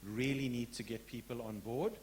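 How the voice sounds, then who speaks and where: A man in the audience of a public lecture, making an earnest, frank statement and putting a question with some halting restarts. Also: medium pitch, fairly even intonation, darkish tone, a little hiss or hum. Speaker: audience member asking a question.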